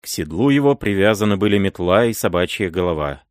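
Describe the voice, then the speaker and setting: Male audiobook narrator, measured, expressive, low voice, dry mic. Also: clear, resonant tone, no echo. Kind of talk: classic novel reading.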